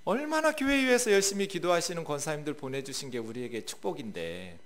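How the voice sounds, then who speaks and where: Male pastor, high and very animated sermon voice, loud-soft contrasts, talks with the pews. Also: quick pace. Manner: lively, swings between loud bursts and quiet asides, talks with the congregation.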